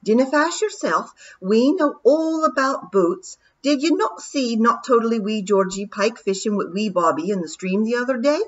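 A woman voicing a bold male pixie chieftain with a gruff Scottish accent and a blustery, commanding manner. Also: a little high, animated, moderate pace, hardly any pauses, highs cut off, pitched above the performer's own voice. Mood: boisterous.

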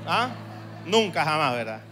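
A man pastor preaching to church leaders, joking at times and at times shouting exhortations. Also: fairly high pitch, very animated, a little slow. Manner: humorous, swings from chatty asides to shouted exhortation. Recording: long hall reverb, faint music.

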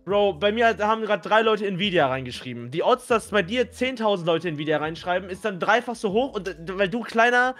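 A young man banters casually over voice chat. His voice sits a little high and comes very fast. He is sarcastic and teasing, with faint music in the background. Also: animated, fairly bright tone. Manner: sarcastic, teasing, rapid-fire. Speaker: streamer.

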